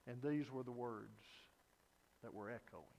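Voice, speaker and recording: A man's voice: medium pitch, measured pace, warm tone, long reverb tail, low-quality recording. A man preaching an evening sermon at a pulpit microphone, telling a story earnestly with frequent hesitant fillers. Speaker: pastor.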